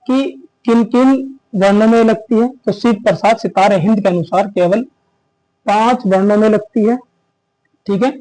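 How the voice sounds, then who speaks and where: High-pitched male tutor with a mellow tone, runs an exam-prep class, drills terms by asking and answering. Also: poor audio. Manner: repeats key terms as questions to students; slows down to stress terms. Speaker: teacher. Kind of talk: exam-prep grammar lesson.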